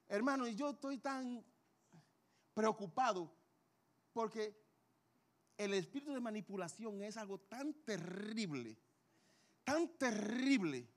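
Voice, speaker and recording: A man's voice: high-pitched, fairly bright tone. A man preaching a sermon, asking rhetorical questions and repeating key phrases for emphasis. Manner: dramatic rise and fall, rhetorical questions.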